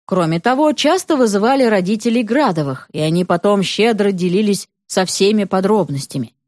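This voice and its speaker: A woman narrating an audiobook story with an expressive, dramatic reading. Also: medium pitch, brisk, no room sound, studio quality.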